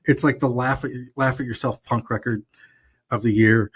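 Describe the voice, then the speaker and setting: Rambling middle-aged man, excitable chat. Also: medium pitch, normal speed, breathy edge. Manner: rambling, enthusiastic, many fillers. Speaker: radio DJ and podcast co-host. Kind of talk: casual chat.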